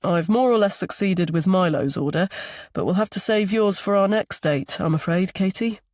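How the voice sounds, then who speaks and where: A woman's voice: medium pitch, normal speed, darkish tone, no echo, clean studio sound, natural voice. A woman reading the part of a charming, attentive man on a date, speaking in an easygoing, persuasive way. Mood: friendly.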